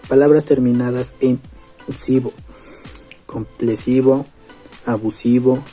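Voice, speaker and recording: Young man, student presenter, monotone word lists, dark mellow tone. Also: mid-range voice. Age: young adult. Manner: slow, flat listing of words. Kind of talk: reading a class presentation.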